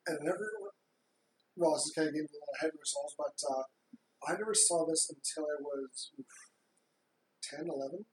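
A woman's voice: deep voice, a little fast, long pauses. A woman co-hosting a podcast in a casual, conversational way. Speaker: podcast co-host. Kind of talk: casual chat. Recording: roomy, with some background noise.

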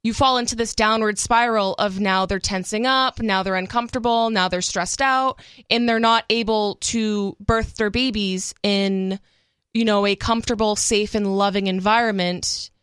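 A woman's voice: mid-range voice, fairly even intonation, moderate pace, a bit bright, clean tone, no room sound. A woman co-hosting a radio talk show, explaining her points at length in earnest, casual chat on a studio mic. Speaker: co-host. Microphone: studio microphone.

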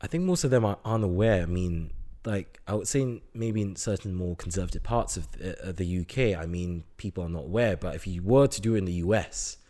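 A man's voice: low-pitched, brisk, few pauses, warm tone. A man in his twenties from Singapore, a chemistry student chatting casually in an interview, hesitant with many fillers. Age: 20s.

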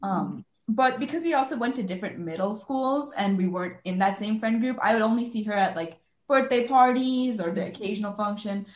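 A woman's voice: medium pitch, animated, fairly quick, hardly any pauses, reverberant. A young woman, a guest on a podcast, chatting casually and rambling with frequent "like" fillers. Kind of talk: casual chat.

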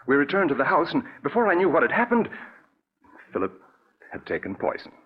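An actor with an American accent playing an anxious, scheming murderer in a 1940s radio drama, hesitant and melodramatic. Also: male voice, fairly high pitch, wildly swooping pitch, a little fast, husky, heavily acted. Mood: grave, shaken. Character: anxious, scheming male murderer posing as grieving brother. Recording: muffled old radio recording.

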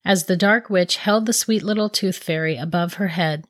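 A woman calmly narrating a scripted fairy tale. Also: lowish voice, normal speed, no echo, studio quality. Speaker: storyteller.

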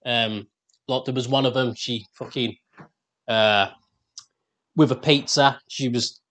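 A man chats loosely on a podcast. He rambles, swears freely and laughs between his points. His voice sits at a middling pitch and sounds dry and close to the mic. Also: steady tone, takes it slowly, a bit bright, dry recording. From England. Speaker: podcast co-host. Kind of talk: casual banter.

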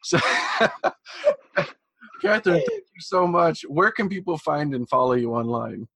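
A man's voice: on the high side, very animated, measured pace, gravelly, a bit bright, breathy edge, no echo. A man with a Missouri accent, a twang, chatting casually and effusively as the host of an interview podcast.

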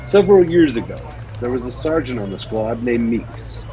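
A man's voice: mid-range voice, very animated, normal speed, mellow, poor audio. Man hosting a spooky-story podcast. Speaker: podcast co-host. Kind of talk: casual chat and dramatic story reading.

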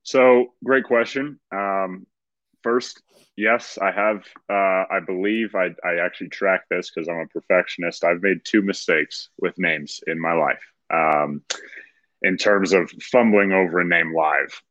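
Low deep guy as a podcast guest, confident explainer, casual, bit muffled sound. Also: fairly even intonation, measured pace, fairly bright tone, dry recording. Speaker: interview guest, ring announcer. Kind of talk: casual interview talk.

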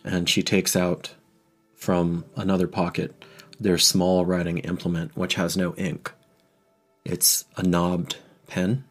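A man with a very deep voice runs a tabletop game as game master. He narrates in vivid detail with thoughtful pauses, and faint music plays beneath. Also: little pitch movement, slightly rough.

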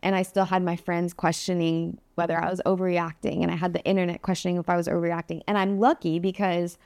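A woman's voice: fairly low pitch, little pitch movement, quick pace, darkish tone, no room sound. A woman, a guest on a podcast, telling a personal story in a candid, earnest way with many fillers. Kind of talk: interview storytelling.

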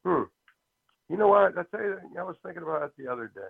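A man's voice: sits high, lively intonation, quick pace, creaky, slightly rough. A man from a band, a guest talking in a folksy, rambling way full of fillers, heard over a tinny phone line. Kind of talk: casual interview chat.

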